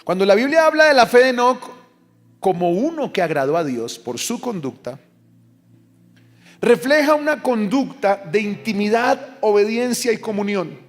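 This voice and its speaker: A middle-aged man preaching a sermon as pastor, emphatic and animated, leading call-and-response. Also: high-pitched, normal speed. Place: church service.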